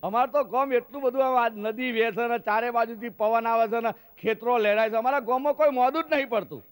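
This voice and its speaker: Man putting on a loud old village headman. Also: very high voice, steady tone, fast, clear, resonant tone, pitched above the performer's own voice. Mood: boastful. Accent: Mehsana Gujarati. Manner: drawling rustic dialect, loud and scoffing. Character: old village headman uncle, boastful and teasing.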